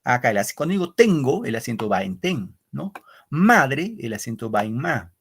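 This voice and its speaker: Male teacher, middle-aged, husky voice, patient online lecture, asks the class lots of rhetorical questions. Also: mid-range voice, expressive, brisk. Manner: explains with repetition and asks "¿no?" often; addresses pupils as "queridos muchachos". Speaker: literature teacher.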